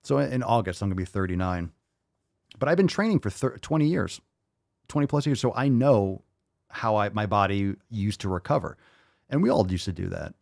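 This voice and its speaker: A man in his late thirties hosting a fitness livestream, answering viewer questions in a loose, conversational way that thinks out loud with fillers and restarts. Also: on the low side, expressive, fairly quick, creaky, no room sound, clean studio sound. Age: 30s.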